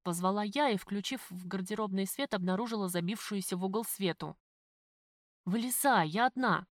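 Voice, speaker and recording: A woman reading a first-person novel as an audiobook, steady in narration and lively in dialogue, on a close mic. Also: medium pitch, a little fast, no room sound.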